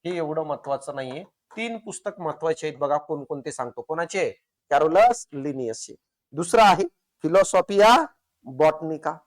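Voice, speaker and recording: A man's voice: a little high, animated. Man lecturing a class with constant questions. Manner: slows down and repeats technical terms syllable by syllable; casual, joking street examples. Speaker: science teacher for competitive exams.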